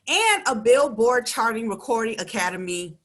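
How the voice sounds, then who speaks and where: A woman's voice: on the high side, sing-song, normal speed, a bit bright. A woman hosting a radio interview, chatty and slangy, with frequent laughs between her lines. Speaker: radio show host.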